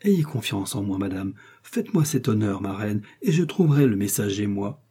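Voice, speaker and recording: A man voices a devoted young servant woman, earnest and reassuring. The voice stays low-keyed, mellow and slightly husky, in an audiobook reading. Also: very animated, moderate pace.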